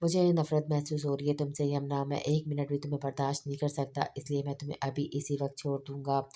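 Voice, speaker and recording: A woman's voice: sits low, monotone, quick pace, mellow, natural voice. A woman reading as a stern young husband. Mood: angry. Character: hot-tempered young husband, man. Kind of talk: audiobook novel reading.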